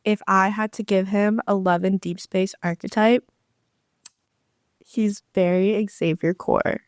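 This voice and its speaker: A young woman co-hosting a casual chat podcast, retelling conversations with quick asides. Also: medium pitch, fairly even intonation, no room sound, clean studio sound. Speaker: podcast co-host.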